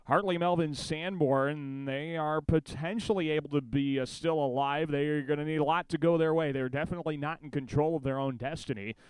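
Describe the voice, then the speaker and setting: An American man hosts a football pregame show on radio. His voice is smooth and clean, recorded dry, in conversational sports commentary. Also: on the high side, steady tone, brisk, a little mellow, no room sound, poor audio. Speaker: sports director and play-by-play announcer.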